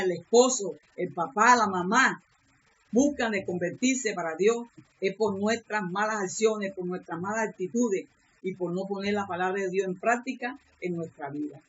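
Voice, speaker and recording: A woman's voice: mid-range voice, normal speed, a bit bright, lo-fi sound, slight background noise. A woman pastor preaching a sermon with earnest repetition, calling out praise words between points. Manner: earnest preaching, repeats phrases, calls out "aleluya".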